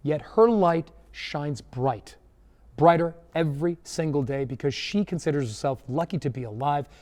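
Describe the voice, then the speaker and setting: Emphatic news presenter, man, slightly higher voice. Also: moderate pace, a little mellow. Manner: emphatic and heartfelt.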